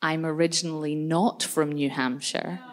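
A woman's voice: low voice, fairly even intonation, normal speed. A Scottish woman in her thirties presenting a workshop, chatting casually with lots of fillers into a handheld mic in a large community hall. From Scotland. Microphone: handheld microphone.

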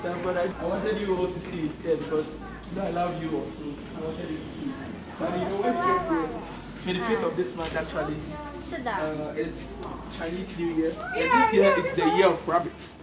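A man's voice: high-pitched, big pitch swings, moderate pace. A young man from Ghana, chatting casually to viewers in a vlog while walking through a large indoor supermarket with a handheld phone camera. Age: young adult. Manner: chatty, addresses viewers directly, frequent restarts. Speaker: vlogger. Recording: loud music behind voice.

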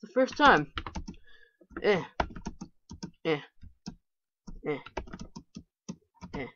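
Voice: medium pitch, very animated, very slow, a bit bright, dull audio, slight background noise. A gamer giving casual let's-play commentary, chatty and talking to themselves with playful frustration. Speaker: gameplay commentator.

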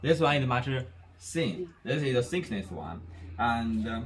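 A young man who isn't an English speaker presents a walking factory tour in English, his medium-pitched voice sing-song and measured in pace. He hesitates often, using "uh" and starting over, inside a large indoor factory warehouse.

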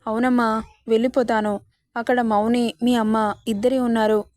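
A woman voicing a gentle, affectionate older father from a village who speaks tenderly to his daughter in a told story. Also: fairly high pitch, little pitch movement, moderate pace, no echo, clean studio sound, lightly acted. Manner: tender, reassuring. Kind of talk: storybook narration.

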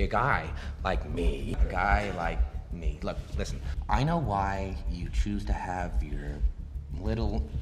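The Joker, a low drawling menace. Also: male voice, a little hiss or hum. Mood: menacing. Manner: erratic, drawling, sudden shouts and whispers. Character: scarred male criminal clown, menacing and unhinged. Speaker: villain. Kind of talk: film acting. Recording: film dialogue with score behind. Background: film score music.

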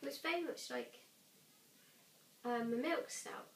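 A woman's voice: high-pitched, measured pace. A young woman with a Welsh accent chatting casually as she reviews a beer. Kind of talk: casual chat. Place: home kitchen, indoors. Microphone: camera a few feet away. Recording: echoey kitchen, distant camera mic, faint noise.

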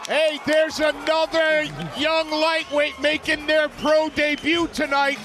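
A man giving excited live commentary on a cage fight. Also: very high voice, slow. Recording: noisy fight crowd around voice.

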